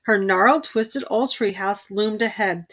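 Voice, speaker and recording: At a measured pace and in a mid-range voice, a woman reads a children's picture book aloud, telling the story expressively as a storybook reader.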